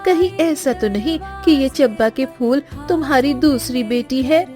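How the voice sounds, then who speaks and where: A woman's voice: high-pitched, measured pace, a little mellow, soft background music. A woman voicing a playful, teasing younger sister in a cartoon story, with a cheeky way of talking.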